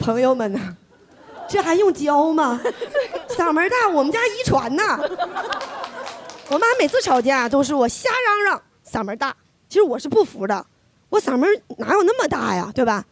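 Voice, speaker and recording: A woman's voice: high-pitched, sing-song, normal speed, some chatter behind, a little hiss or hum. A woman performing a stand-up comedy set on stage, with a chatty, teasing, punchline-driven delivery. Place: stage before a live audience. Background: audience laughter.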